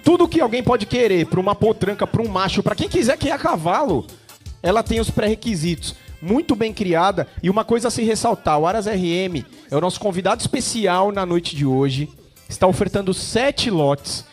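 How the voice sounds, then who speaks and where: A man's voice: high voice, animated, normal speed, breathy edge. A Brazilian man giving live sales commentary at an auction, emphatic and building his points in repeated phrases. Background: music.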